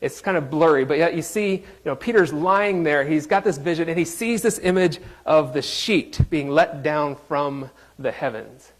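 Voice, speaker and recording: Man preaching a chatty sermon, slightly high voice. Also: moderate pace, few pauses. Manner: conversational, joking, quizzes the congregation. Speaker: pastor.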